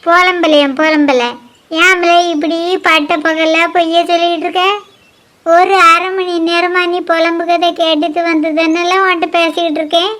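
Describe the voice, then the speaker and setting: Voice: extremely high pitch, level tone, normal speed, sharp tone. Someone voicing a bossy nosy village granny. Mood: scolding. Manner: scolding, prying, lecturing. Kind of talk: cartoon voice acting.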